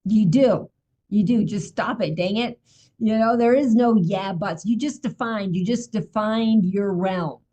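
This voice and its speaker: A woman's voice: mid-range voice, unhurried, warm tone. An older woman hosting a casual talk show, effusive and exclamatory, often breaking out in delight. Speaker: podcast host. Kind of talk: casual conversation.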